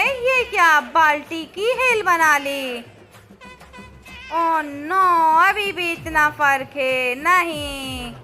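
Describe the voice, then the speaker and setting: A woman's voice: very high voice, bright, forceful tone. A woman narrating a cartoon and voicing its characters in an exclamatory, childlike way, with many cries of "oh no" and "wow". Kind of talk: playful cartoon commentary and character voices.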